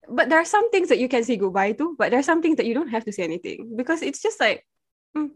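A woman's voice: high-pitched, very animated, quick pace, husky, no room sound, studio quality. A woman with a Singaporean accent co-hosting a casual podcast in colloquial Singlish, dropping in Malay words and particles. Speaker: podcast co-host. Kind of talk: casual chat.

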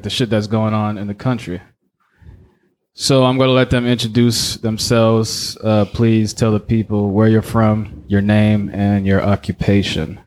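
A man's voice: lowish voice, a little hiss or hum. A man hosting a casual podcast, asking loose questions with plenty of fillers. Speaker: podcast host.

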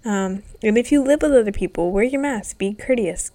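In her twenties, this vlogger sounds stuffy and nasal from being sick, her fairly high voice carrying a dark tone at a moderate pace. She rambles through a casual personal chat, full of ums and the occasional swear word.

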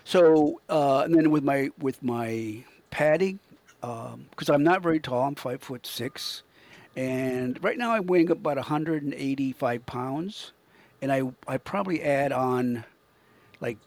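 An older man who works as a professional Santa Claus speaks at a medium pitch and a measured pace, his voice a little mellow. As an interview guest, he chats casually and earnestly, rambling through anecdotes and often repeating his words.

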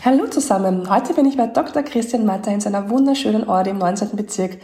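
A woman's voice: mid-range voice, quick pace, mellow, soft background music. A woman hosting a fitness podcast, asking a guest questions in a chatty, friendly way. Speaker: podcast host. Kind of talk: podcast interview.

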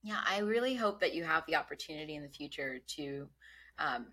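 A woman from Bangladesh, not an English speaker, hosts a casual podcast interview, asking questions with warmth and curiosity, full of ums, restarts and fillers. Her deep voice is animated and brisk, and the recording quality is low.

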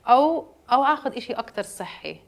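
A woman's voice: fairly high pitch, lively intonation, fast talker, vocal fry. A woman with a Jordanian Arabic accent who mixes in English phrases, answering interview questions casually in a candid, self-assured way. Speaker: interview guest, detox juice business owner.

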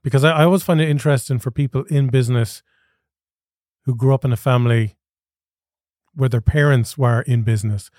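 A man's voice: mid-range voice, fairly quick, pauses often, darkish tone, no room sound. Irish male podcast host, dry studio sound. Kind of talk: podcast introduction and conversational interviewing.

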